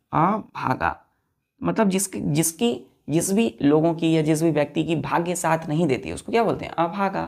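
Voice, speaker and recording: A woman with a low, gravelly voice teaches vocabulary in a classroom-style lesson. She spells each word out letter by letter, then repeats it and puts questions to the children. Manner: spells words letter by letter, repeats and quizzes pupils; addresses listeners as children.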